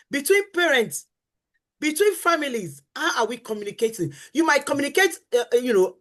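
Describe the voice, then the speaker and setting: A middle-aged woman with a high, somewhat bright voice teaches about marriage on a faith-based talk show. Her manner is earnest and emphatic; she repeats key phrases and acts out what spouses say.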